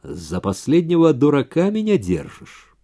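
A man voicing a furious, accusing male partner who snarls and shouts in a story reading. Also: fairly high pitch, wildly swooping pitch, a little slow, heavily acted. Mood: angry.

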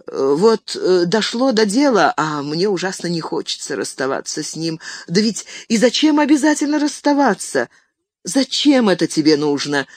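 A reader voicing an old male hobbit who stammers and grows shrill and possessive, in an audiobook reading. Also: expressive, moderate pace, few pauses, no room sound, natural voice. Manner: stammering, turns shrill and grasping.

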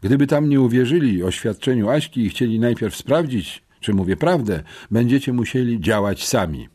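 A man's voice: mid-range voice, lively intonation, warm tone, pitched above the performer's own voice, close to an everyday voice. A man reading an audiobook voices a bossy teenage boy who gives orders and lays out plans. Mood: commanding. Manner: commanding, quick planning.

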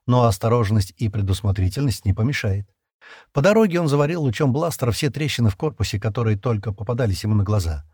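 Male audiobook narrator, lively intonation, slightly husky. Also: mid-range voice, no room sound, clean studio sound. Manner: expressive, lively reading. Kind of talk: scripted narration.

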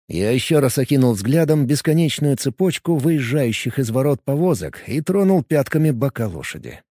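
A man narrating a fantasy novel in first person with lively storytelling. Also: medium pitch, no echo, studio quality. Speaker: audiobook narrator.

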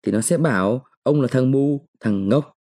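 A male narrator voicing a sharp-tongued, defiant mandarin's wife who scolds and taunts her husband. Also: medium pitch, moderate pace, close to an everyday voice. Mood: scornful.

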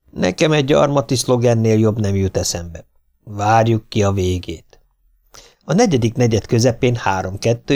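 A man reading a first-person sports memoir aloud as an audiobook, with dry humor and lively voiced quotes. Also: lowish voice. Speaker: audiobook narrator.

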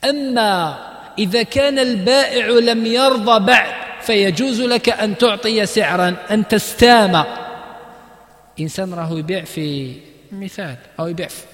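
A man's voice: high-pitched, moderate pace, a bit bright. A man teaching a religious lesson, explaining rules with everyday market examples in dialect. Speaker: sheikh teaching hadith. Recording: echoey hall with long reverb.

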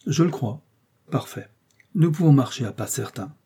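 A male audiobook reader voicing a calm doctor who gives short, measured answers. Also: mid-range voice, slightly rough, pitched above the performer's own voice. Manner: brief, measured replies.

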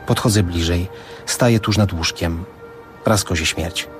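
A man reading a literary novel aloud on radio in a calm, measured way. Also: low voice, music in the background. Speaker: audiobook reader.

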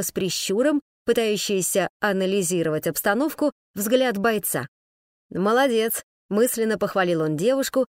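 A woman narrates an audiobook in a lively, ironic storytelling manner. Her voice sits at an ordinary middle pitch. The recording is dry and close, with no room echo.

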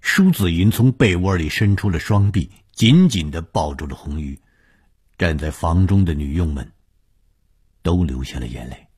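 Deep husky male storyteller. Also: animated, normal speed, darkish tone. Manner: dramatic, rising on tense moments. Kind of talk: long-form serial story reading.

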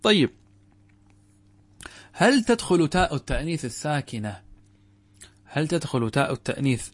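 A man teaching a classical Arabic grammar lesson as a sheikh, asking questions and answering them himself, repeating key words and slowing down to intone quoted verses. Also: on the high side, very animated, breathy edge.

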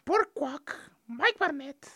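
A man's voice: very animated, takes it slowly, bright, forceful tone, no room sound. Sped-up chipmunk voice of a male co-host, listing names, very dry recording. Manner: rattling off names in a list. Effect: sped-up, high-pitched chipmunk voice. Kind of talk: casual chat reading a list of names.

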